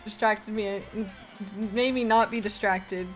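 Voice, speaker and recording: A woman co-hosting a casual game playthrough, answering in short, dry, deadpan remarks. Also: mid-range voice, measured pace, over music, rough recording. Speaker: co-host of a gaming playthrough. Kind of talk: casual chat over gameplay.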